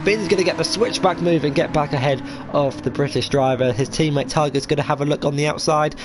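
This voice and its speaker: A man's voice: on the high side, brisk, background noise. A man giving live motorsport commentary on a sim race, hesitant and full of fillers as he follows each move.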